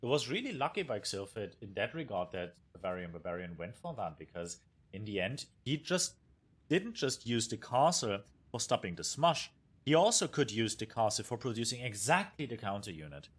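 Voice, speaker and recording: A man's voice: lowish voice, sing-song, normal speed, husky. A young man with a German accent commentating a strategy game match as a caster, enthusiastic and sometimes searching for words. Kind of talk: esports commentary. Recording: faint game music behind.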